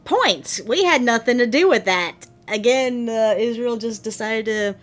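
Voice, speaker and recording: A woman co-hosting a casual reaction stream, giving blunt, animated opinions. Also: fairly high pitch, unhurried. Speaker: vtuber co-host reacting to news.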